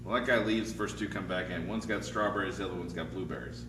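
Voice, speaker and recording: A man co-hosting a comedy show, telling old-school jokes in a relaxed, low-key way. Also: fast. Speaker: comedy podcast co-host. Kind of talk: casual banter, joke-telling. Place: comedy club. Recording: echoey room from far off, hiss.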